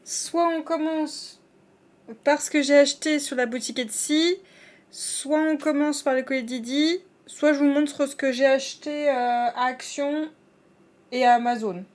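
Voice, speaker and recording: A woman chats to her viewers during a live stream, her voice sitting a little high. She talks loosely and warmly to her chat, full of fillers and restarts. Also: steady tone, a little slow.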